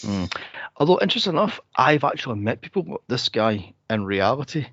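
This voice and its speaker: A man co-hosting a film review podcast chats casually and animatedly, slipping into exaggerated voices when retelling stories. His delivery is sing-song, fairly quick, and fairly bright, and he says he has a deep, straight-sounding voice. The podcast mic is dry and slightly dull, with no room sound.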